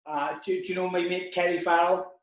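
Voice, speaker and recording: A man hosting a casual podcast chat, telling lively anecdotes. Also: high voice, brisk. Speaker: podcast host. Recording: roomy echo.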